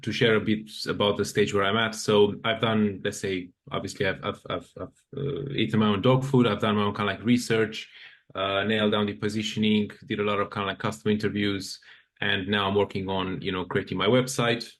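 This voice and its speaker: A man's voice: on the low side, little pitch movement, brisk, a bit bright. A man from Romania introducing himself on a video call, chatty and full of filler phrases. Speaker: product consultant.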